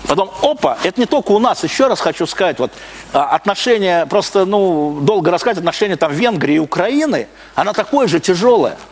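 A Russian man gives a live lecture to an audience in a high-pitched voice with lively intonation and a brisk pace. He speaks emphatically, repeating phrases, asking rhetorical questions, and breaking off sentences, on a clearly noisy live recording.

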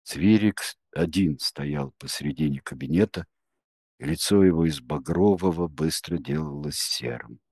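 A man's voice: extremely low pitch, a little slow, vocal fry, a little mellow, breathy edge, no room sound, studio quality. A man reading an audiobook aloud with dramatic, gripping narration.

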